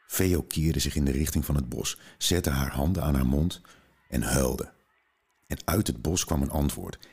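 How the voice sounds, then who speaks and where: A man with an exceptionally deep voice reads a children's book aloud as a podcast host. His delivery is calm and measured. The voice has a husky, slightly breathy grain.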